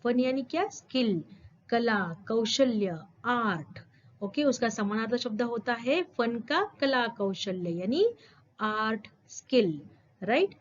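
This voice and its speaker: A woman teaches young children in a slow, patient way, saying each word carefully and quizzing them back. Her voice sits a little high. The recording sounds dull and lo-fi. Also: animated. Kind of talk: explaining a school lesson to children.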